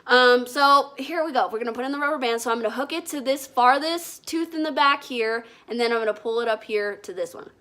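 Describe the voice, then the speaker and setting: A woman's voice: on the high side, a little fast, few pauses, a bit bright. A woman vlogger chatting casually to viewers, explaining and demonstrating things as she goes.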